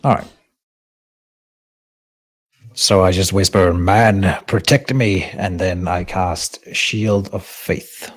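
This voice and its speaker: Deep raspy guy playing a tabletop game, kinda hesitant, repeats himself. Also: little pitch movement, takes it slowly, pauses often. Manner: hesitant, repeats words while thinking. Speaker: player. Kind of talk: casual tabletop game talk.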